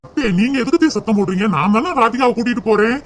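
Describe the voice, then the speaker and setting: Polite rushed cartoon son-in-law, faint background noise. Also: male voice, extremely high pitch.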